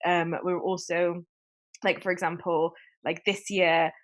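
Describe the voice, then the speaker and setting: A woman's voice: fairly low pitch, little pitch movement, a little slow. A woman speaking on a video call, an activist in a livestream discussion who talks earnestly with many fillers. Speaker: panel guest.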